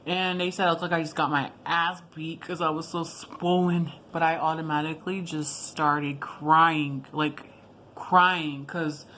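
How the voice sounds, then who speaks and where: This woman is a video blogger telling a personal story in a loose, rambling vlog style, full of asides and self-corrections. Her slightly low voice is unhurried and level in tone, yet pushed and bright. There's clear background noise.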